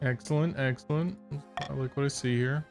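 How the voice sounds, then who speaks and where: A man's voice: mid-range voice, fairly even intonation, moderate pace, a little mellow, faint music behind. A man hosting a game with friends, laughing often and switching into dramatic narration. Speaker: game host. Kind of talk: narrating and chatting over a game.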